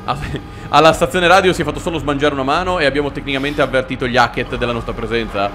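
A man giving excitable, joking commentary while playing a horror video game. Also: medium pitch, fast talker, a little hiss or hum. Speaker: gaming video host. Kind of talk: let's play commentary. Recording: voice over loud game music.

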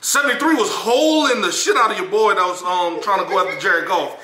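A man's voice: high-pitched, pushed and bright, slight background noise. Upbeat man with fillers, echoey room. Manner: hopeful, halting with many fillers. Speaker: show regular and guest. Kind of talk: casual sports reaction talk. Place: living room at home.

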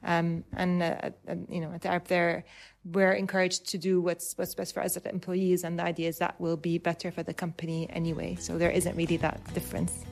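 A woman in her thirties from Dubai, an urban planner answering interview questions in a measured way, pausing with ums and restarting phrases. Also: fairly low pitch, completely flat delivery, gravelly.

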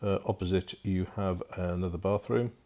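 A man with a lowish, gravelly voice walks through a wooden barge cabin, filming on a handheld phone. He talks off the cuff as a boat broker, pausing with frequent fillers. The sound is close and indoor. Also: fairly even intonation, mellow. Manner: casual, unscripted, frequent "uh" fillers. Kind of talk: walkthrough tour narration.

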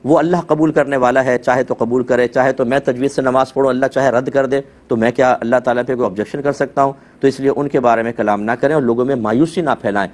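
A middle-aged man, a mufti who answers viewers' religious questions in a calm, measured, explaining way, gently urging his listeners. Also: mid-range voice. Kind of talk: religious Q&A talk show.

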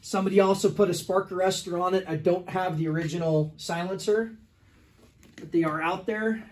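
Higher-voiced man walking through a workshop bike. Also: fairly even intonation, a little fast, darkish tone. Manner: plain, matter-of-fact listing of details with fillers. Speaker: restoration shop owner selling a motorcycle. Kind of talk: casual product walkaround. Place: indoor motorcycle workshop.

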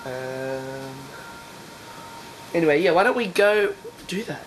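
A man's voice: on the high side, lively intonation, slow, faint music behind. A young man with a blocked nose and sore throat, rambling and laughing through a casual video diary from home. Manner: rambling, chatty, laughs often. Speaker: vlogger. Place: at home, indoors. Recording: echoey room with background noise.

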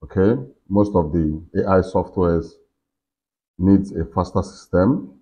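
In a furnished room indoors, a man in his forties hosts a software tutorial, talking himself and the listener through each on-screen step. His low voice is casual and steady, and he speaks slowly. The recording sounds slightly dull and lo-fi.

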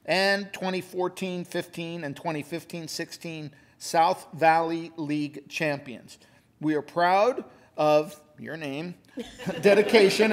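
A man serving as mayor at a city council meeting, reading a certificate aloud at a podium microphone in a genial way, with quick reading and frequent fillers. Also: high voice. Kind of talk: reading a certificate at a civic ceremony.

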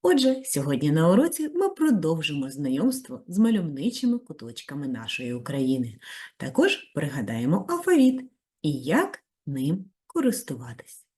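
A female primary school teacher giving a video lesson to children, praising warmly and giving step-by-step tasks. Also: moderate pace. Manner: very lively pitch, rising high on praise.

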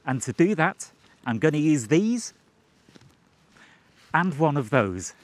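Speaking slowly in a fairly high voice with big swings in pitch, a man in his forties explains things in a vlog with a conversational, methodical style. There's no room sound, though clear ambient noise from outdoors and from inside a moving car can be heard.

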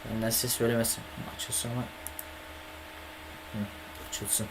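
There's heavy background noise as a young streamer plays games live from his home desk mic, chatting casually and grumbling and swearing at the computer while addressing chat. His medium-pitched delivery is completely flat and measured in pace.

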